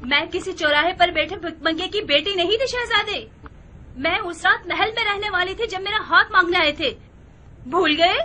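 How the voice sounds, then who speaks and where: An actress playing a proud, exasperated wife and mother in a dubbed historical drama, sharp and reproachful. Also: extremely high pitch, moderate pace, slight background noise.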